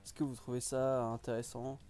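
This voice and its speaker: A man's voice: medium pitch, little pitch movement, normal speed, dark tone, soft background music. A man hosting a casual live stream, chatting and reacting to viewers' comments.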